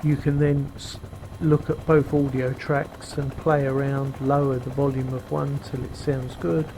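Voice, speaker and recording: A flight sim creator, middle-aged with a very deep voice, gives flat, unhurried commentary full of fillers while piloting a simulated helicopter. He explains as he goes through a cheap gaming headset mic, and loud sim engine and rotor noise fills the background.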